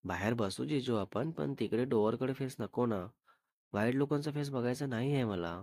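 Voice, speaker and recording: A man's voice: mid-range voice, moderate pace, darkish tone, no echo, close to an everyday voice. Frightened teenage girl, read by a man, begging, timid, dry sound. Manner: begging, fearful.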